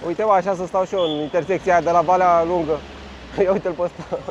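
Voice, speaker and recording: A man giving casual running commentary from his bike on city streets, loud and blunt, swearing freely at other road users. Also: sits high, steady tone, highs cut off, slight background noise. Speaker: cycling vlogger. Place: outdoors on city streets in traffic.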